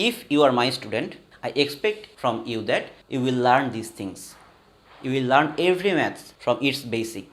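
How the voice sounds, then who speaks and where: A man teaching a math lesson, slowly spelling out each step and counting aloud for his students. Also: fairly high pitch. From Bangladesh. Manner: slow, deliberate, spells out steps and counts aloud. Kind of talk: classroom math lecture.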